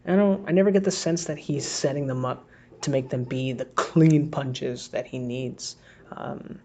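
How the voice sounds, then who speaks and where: A man with a gravelly, creaky voice at a middle pitch, talking through fight replays in a relaxed, conversational way. He thinks aloud and reacts sharply whenever a punch lands, like a home analyst scoring rounds on a voice-over. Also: a little slow. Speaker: boxing analyst. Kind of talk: casual fight breakdown commentary.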